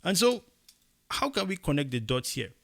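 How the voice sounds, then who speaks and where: Casting: young male co-host from Cameroon, gravelly voice, emphatic delivery with animated bursts. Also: fairly high pitch, moderate pace. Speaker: podcast co-host. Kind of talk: casual opinion chat.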